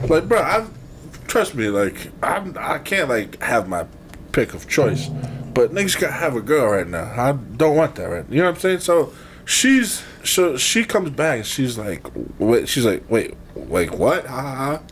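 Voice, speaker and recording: A man's voice: medium pitch, measured pace, a little hiss or hum. A young man, a podcast co-host, telling a date story in casual chat, swearing and acting out what was said. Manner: storytelling, animated, swearing, acts out quotes.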